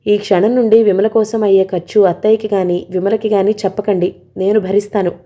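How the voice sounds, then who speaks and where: A woman reads an earnest young man in an audio novel, steady and reassuring in a warm, dark voice. He speaks with quiet resolve. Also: mid-range voice, fairly quick, close to an everyday voice. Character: earnest young male lawyer, caring.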